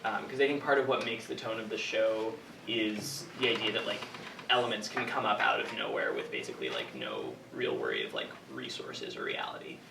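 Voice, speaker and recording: A writer in his twenties gives hesitant, rambling answers at an informal audience Q&A, leaning heavily on "like." His low-leaning, creaky voice is expressive and brisk. The recording is noisy and echoey, from a distant mic.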